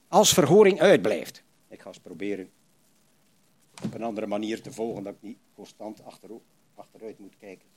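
Male preacher, high-pitched and highly animated, booms then drops to a murmur. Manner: dramatic swings between loud emphatic and soft low phrases; frequent tag questions, reads scripture aloud expressively. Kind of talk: sermon.

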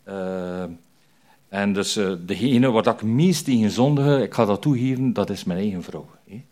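A man's voice: on the low side, moderate pace, warm tone. Chatty preacher, older man. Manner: chatty, frequent "hè" tags and fillers. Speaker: prison chaplain preacher. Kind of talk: informal sermon.

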